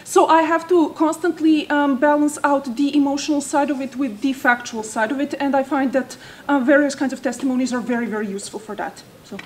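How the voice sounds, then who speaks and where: A woman's voice: sits high, steady tone, a little fast, few pauses, darkish tone. A woman historian introducing herself at an academic workshop, articulate with a dry cynical edge, in a seminar room. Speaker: historian, conference panelist. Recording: faint room noise.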